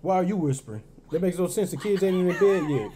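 A man's voice: high-pitched, expressive, quick pace, warm tone, slight background noise. A man from Arkansas, hosting a casual reaction video with loose, laid-back talk full of fillers. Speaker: reaction channel host. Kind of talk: casual chat.

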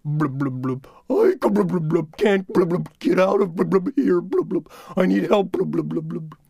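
A storyteller voicing a boastful, greedy male coyote trickster who gloats loudly and cackles. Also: medium pitch, lively intonation, slow, creaky, no room sound, clean studio sound, voice pushed up, exaggerated voice. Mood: gurgling. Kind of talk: oral storytelling.

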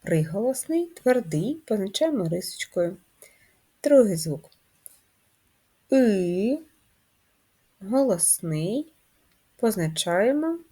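A woman teaching a first-grade literacy lesson, speaking in a slow, drawn-out, sing-song teacher manner. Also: mid-range voice, warm tone, slightly rough. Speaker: primary school teacher.

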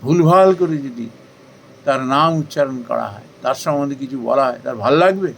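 A man giving a devotional talk in an earnest, persuasive way, asking questions and then answering them himself, with rising emphasis that softens again. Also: medium pitch, fairly quick, gravelly, slight background noise, poor audio. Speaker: spiritual speaker. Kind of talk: devotional discourse.

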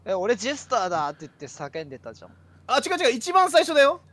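Fast, high-voiced man in game chat. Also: wildly swooping pitch, fairly bright tone, no echo. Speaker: online game player. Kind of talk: casual game discussion.

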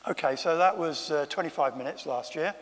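Male conference speaker, fairly high voice, dry humour, long hall reverb. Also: fairly quick. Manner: wry, self-deprecating asides. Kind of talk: conference talk. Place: conference room.

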